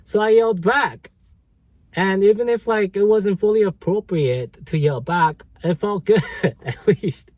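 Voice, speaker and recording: Male vlogger, slightly raised pitch, rambling storyteller, dry close sound. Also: measured pace, a little mellow, dry recording. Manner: rambling, many fillers and restarts. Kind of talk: casual storytelling vlog.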